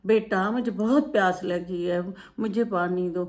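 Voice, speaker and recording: A woman voicing a patient, loving elderly mother in a retold moral story, speaking gently and pleadingly. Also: mid-range voice, fairly even intonation, unhurried, pitched below the performer's own voice, lightly acted. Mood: gentle.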